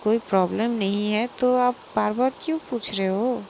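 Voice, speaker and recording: A woman's voice: fairly high pitch, steady tone, moderate pace, gravelly, a little mellow, highs cut off, slight background noise. A woman voicing a young woman who snaps at her brother and then apologizes, in a Hindi story retelling. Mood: snappish. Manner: curt, snapping. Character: young woman, sharp-tempered and evasive.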